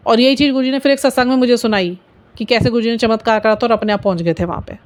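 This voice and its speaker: Woman, middle-aged, slightly high voice, earnest devotional storytelling, Hindi with English words mixed in. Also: rapid-fire. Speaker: spiritual storyteller.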